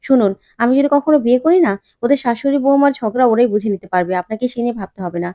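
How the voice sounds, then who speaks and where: Woman doing a young guy talking back, firm, highish voice. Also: rapid-fire, warm tone, no room sound, close to an everyday voice. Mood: defiant. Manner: firm, retorting. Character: defiant young man, outspoken.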